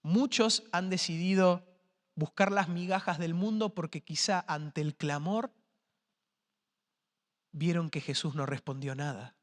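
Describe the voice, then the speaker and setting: High-voiced preacher in a church. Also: male voice, steady tone, unhurried, pauses often. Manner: impassioned, rising to shouts then dropping to quiet. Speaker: pastor. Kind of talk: sermon. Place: church sanctuary. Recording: long church reverb.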